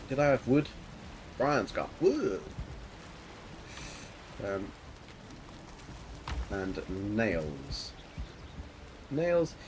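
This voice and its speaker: Softly spoken and on the low side, this streamer keeps up relaxed commentary as he plays live, talking to viewers and murmuring to himself. There is slight background noise.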